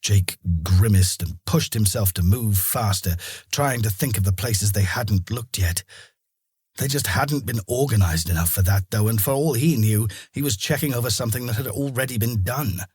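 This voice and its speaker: A man narrating a fantasy audiobook in a steady storytelling manner. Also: on the low side, moderate pace, breathy edge, dry recording, clean studio sound. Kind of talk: scripted narration.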